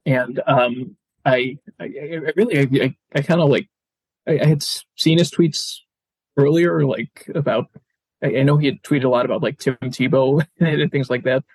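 Over a video call with poor audio and no room sound, a man appears as a podcast guest in a casual interview. His mid-range voice is slightly rough at a moderate pace, and he stammers, often repeating words.

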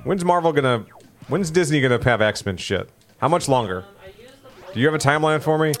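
On a casual gaming podcast, a male co-host chats and jokes while coaching his friend through a video game. His voice is on the high side, brisk, with lively intonation.

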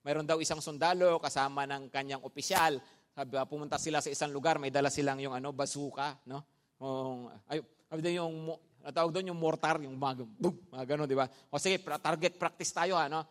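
A man preaching a sermon in mixed Tagalog and English, animated, often checking with listeners by asking "no?" and acting out stories with sound effects. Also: a little high, fairly quick. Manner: acts out anecdotes with shouted sound effects. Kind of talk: Taglish sermon.

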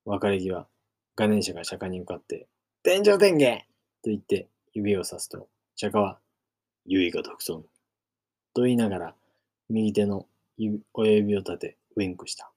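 A man reading a novel aloud as narrator, in measured storytelling. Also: fairly low pitch, fairly even intonation, dark tone. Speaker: reader.

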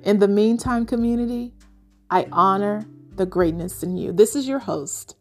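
A woman hosting a reflective devotional talk, speaking gently and measuredly with pauses. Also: medium pitch, soft background music. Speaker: podcast host.

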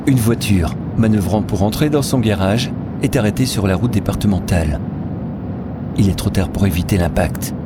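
A man narrating a story in a steady, descriptive way. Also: fairly low pitch, moderate pace, very noisy. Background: music.

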